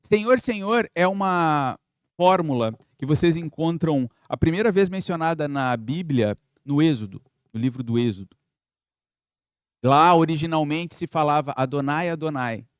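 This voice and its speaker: A man's voice: on the high side, lively intonation, moderate pace, clean tone, dry recording, clean studio sound. Earnest man lecturing. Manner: earnest, reflective, uses rhetorical questions. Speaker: spiritist lecturer. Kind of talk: spiritist lecture. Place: spiritist center lecture hall.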